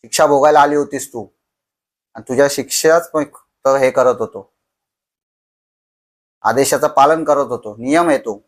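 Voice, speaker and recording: A man voicing a crazed male jail guard who shouts and taunts defiantly in a horror story. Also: mid-range voice, normal speed, long pauses, close to an everyday voice. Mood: defiant shouting. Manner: shouting, taunting, laughing madly.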